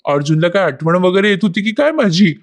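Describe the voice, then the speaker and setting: A woman's voice: lowish voice, big pitch swings, brisk, pitched above the performer's own voice. Teasing young sister, light and playful, voiced by a woman narrator.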